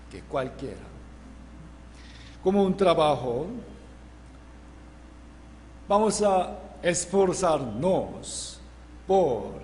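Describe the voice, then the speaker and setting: A man preaching at a Bible seminar, slow and emphatic, often checking in with his listeners. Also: on the high side, darkish tone, big-room sound, slight background noise. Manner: slow, emphatic, asks the audience questions.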